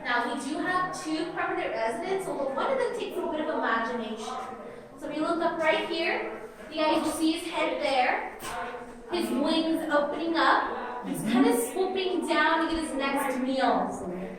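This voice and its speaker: A woman gives guided tour commentary in a high voice, speaking straight to her visitors as she explains. Her words ring with strong cavern echo and reach the microphone from well away. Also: expressive, normal speed, a crowd in the background. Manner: explanatory, addressing visitors directly. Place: inside a cavern. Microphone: distant microphone of a visitor's recorder. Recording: echoing cave, voice far from mic.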